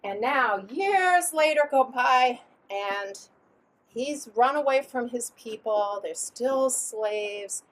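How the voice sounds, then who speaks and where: A woman telling a story to children at a family gathering at home, in a playful, animated way with dramatic swings in pitch. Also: slow, poor audio. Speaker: storyteller at a family Passover seder.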